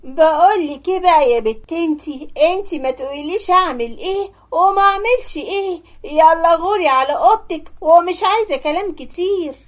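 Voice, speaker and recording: A woman's voice: very high-pitched, fairly quick. A woman voicing a harsh, bossy middle-aged mother with an Egyptian accent, curt and dismissive. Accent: Egyptian Arabic.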